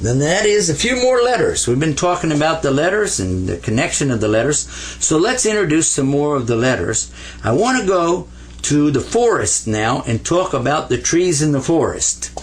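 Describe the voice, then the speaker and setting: Lively older man teaching letters. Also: on the high side, normal speed, husky. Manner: lively, playful, coaxing learners to repeat sounds. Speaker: Arabic teacher. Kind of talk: classroom letter lesson at a board.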